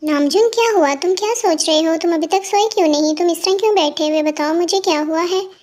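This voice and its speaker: A loving, scolding young wife in a storybook, read by a woman. Her lines come quickly in a very high voice. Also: a little mellow, soft background music. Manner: scolding, soothing.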